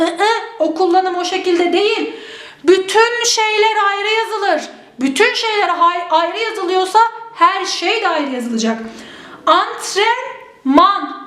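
A woman teaching spelling to exam students, drawing out each word slowly and often checking in with the class. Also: very high-pitched, pushed and bright. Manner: drills words slowly, stretching them out. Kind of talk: exam-prep spelling lesson. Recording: echoey room.

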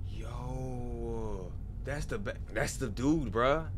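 A young man giving slangy, excitable commentary on a horror game, yelping and shouting when scared. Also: on the high side, brisk, background noise. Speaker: gaming YouTuber.

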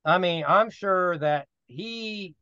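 A man teaching a casual Bible study class, reading scripture aloud and acting out the characters in lively asides. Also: sits high, slow pace, clean tone, no echo, lo-fi sound. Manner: animated, reads scripture aloud and acts out the characters with laughs.

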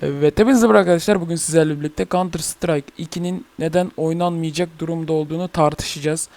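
A young man vents about an online game in a casual, heated rant, swearing often as he talks straight to his viewers. His voice sits high for a man and has a gravelly, fry-laden texture. He speaks into a desk microphone. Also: steady tone, fast talker, darkish tone, no room sound. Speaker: gaming channel host.

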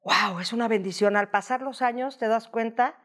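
Woman hosting a chat, slightly high. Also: moderate pace, a bit bright. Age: middle-aged. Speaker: interview host. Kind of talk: casual interview chat.

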